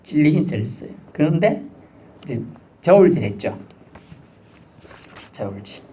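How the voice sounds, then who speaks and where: A man's voice: fairly high pitch, sing-song, unhurried, mellow. A man preaching a midweek sermon, in a casual, conversational way, acting out the voices he quotes. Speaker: pastor.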